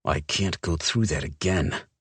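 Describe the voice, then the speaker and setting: Man doing a gruff tormented werewolf guy, super deep, husky, low and tight. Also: measured pace, fairly bright tone, dry recording, exaggerated voice. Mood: intense. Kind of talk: audiobook character voice.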